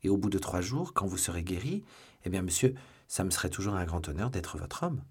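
Brief: man reading eager young duelist, courteous but bold, husky low voice, audiobook. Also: expressive, brisk, a little mellow, full character voice. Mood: earnest, polite.

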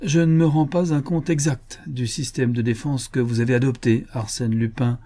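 A man's voice: medium pitch, steady tone, normal speed, warm tone, natural voice. A man voicing a stern old judge. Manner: indignant questioning. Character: stern older male court president.

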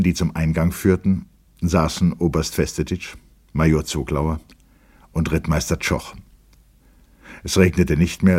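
Very deep husky male narrator. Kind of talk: audiobook reading of a novel.

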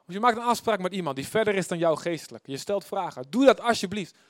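Emphatic preacher man, loud then hushed. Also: sits high, expressive, no echo, studio quality. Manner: emphatic, swings from loud bursts to hushed, drawn-out phrases; repeats words for emphasis. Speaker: pastor. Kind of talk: sermon.

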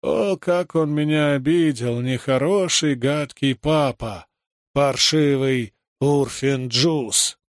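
A man reading aloud and voicing a woman risen from the dead, who speaks in a grating voice, slowly and accusingly. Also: medium pitch, no room sound, studio quality, close to an everyday voice. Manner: slow, accusing.

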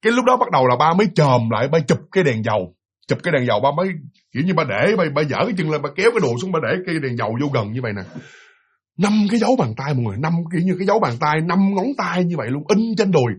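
A man telling a ghost story in a casual, animated way, repeating himself as he talks. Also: a little high, rapid-fire, breathy edge. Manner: animated, repetitive, conversational.

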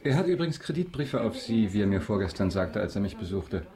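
Suave aristocratic count, low voice, courtly, measured, subtly mocking, radio drama, roomy sound. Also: male voice, sing-song, a crowd in the background. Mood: smooth. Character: suave, ironic aristocratic count, coolly controlled avenger. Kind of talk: German radio drama acting.

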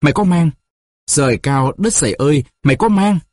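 A man playing a middle-aged mother crying out in alarm in an audiobook. The husky voice jumps well above his own and grows louder. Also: fairly high pitch, lively intonation, normal speed, no echo, clean studio sound, voice pushed up. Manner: exclaiming in alarm.

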